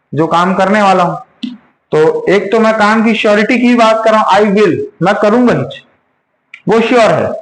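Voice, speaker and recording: A male teacher giving a classroom grammar lesson, quizzing his students again and again. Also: sits high. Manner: quizzes students with repeated questions. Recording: roomy classroom echo.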